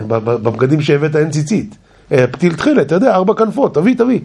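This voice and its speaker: Man voicing proud male sage, husky, lively high pitch, insistent, comic tale. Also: full character voice.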